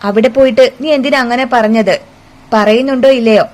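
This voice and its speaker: A woman reads out a domineering middle-aged mother-in-law, harsh and demanding as she interrogates. The voice sits a touch high. It is a told story rather than a staged drama. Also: fairly even intonation, fairly quick, darkish tone, lightly acted. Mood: angry.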